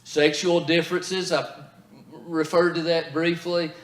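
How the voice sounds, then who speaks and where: A man's voice: fairly high pitch, level tone, measured pace, fairly bright tone. A middle-aged man giving a marriage seminar in a church, telling stories earnestly. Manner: earnest storytelling. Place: church hall. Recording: echoey church hall.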